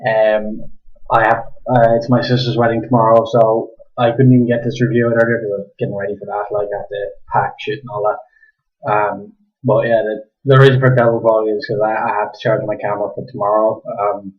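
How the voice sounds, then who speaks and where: A man's voice: on the low side, level tone, brisk. A young man with an Irish accent, slightly drunk, rambling casually through a review, swearing and correcting himself while keeping his voice down in a kitchen. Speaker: manga reviewer. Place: home kitchen at night. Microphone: webcam microphone. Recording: dull lo-fi webcam audio.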